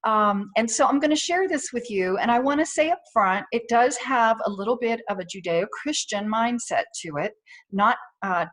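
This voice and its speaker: A woman chaplain offers informal spiritual guidance at a middling pitch. She is gently instructive and reassuring, and she pauses now and then to find the right word. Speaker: chaplain giving a weekly wellness tip. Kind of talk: informal spoken guidance on breath prayer and spirituality.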